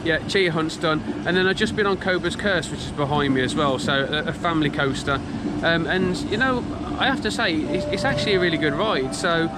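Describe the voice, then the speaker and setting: A man giving a casual, rambling ride review as a theme park vlogger, hesitant and matter-of-fact. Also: a little fast. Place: outdoors in a theme park beside a coaster. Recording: noisy outdoor park with ride rumble.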